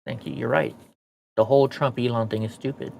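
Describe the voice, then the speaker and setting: A man's voice: mid-range voice, steady tone, a little fast, creaky, a little mellow. American man, missing front teeth, casual profane monologue, exasperated and blunt, streamer, noisy background. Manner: exasperated, blunt, rambling venting. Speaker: streamer, show host.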